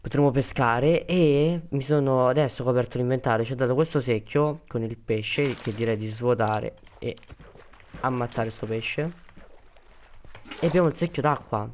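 A young man giving casual gameplay commentary, chatty and prone to panicked repeated pleading. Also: mid-range voice. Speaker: gaming video creator.

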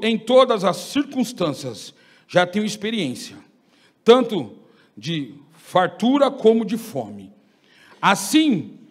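A Brazilian pastor preaching a fiery sermon at a church congress, breaking into shouted bursts and acting out the voices he quotes. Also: high-pitched.

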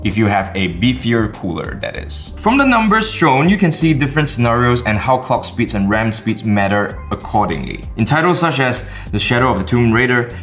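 A man's voice: mid-range voice, fairly bright tone. A young man with a Malaysian English accent narrating a scripted tech review as the video's host.

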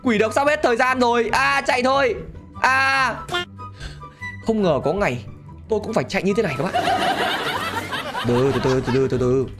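A man giving excitable gameplay commentary, laughing often and talking straight to his viewers. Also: high-pitched, normal speed, pauses often, over music. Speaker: gaming channel host.

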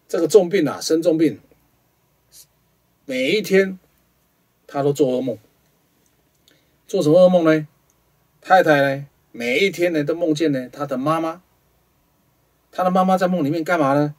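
Taiwanese guy telling a ghost story in a tv studio, husky, kinda far from the mic, builds tension with questions. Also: on the high side, moderate pace, pauses often. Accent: Taiwanese Mandarin. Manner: dramatic, swinging from loud emphatic questions to hushed asides. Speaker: show host and storyteller.

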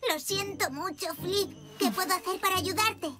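An actor voicing a cheerful, childlike young bee in an animated cartoon, with a Castilian Spanish accent. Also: very high-pitched, normal speed, crowd noise. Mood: concerned.

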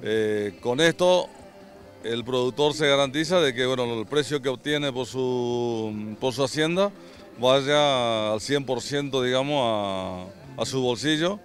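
Halting middle-aged man, music behind. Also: medium pitch. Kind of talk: on-camera interview remarks. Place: outdoors by cattle pens. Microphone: handheld reporter microphone.

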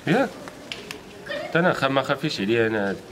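A young man with a Moroccan accent, answering back quickly and defensively. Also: mid-range voice, sing-song, a bit bright, a little hiss or hum.

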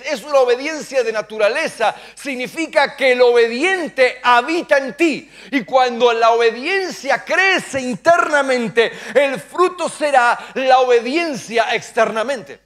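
A man's voice: very high voice, fairly bright tone. A pastor preaching a sermon, calling out to the congregation and acting out short dialogues in his stories. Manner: preaching with call-and-response to the congregation; acts out short dialogues in the story. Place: church sanctuary.

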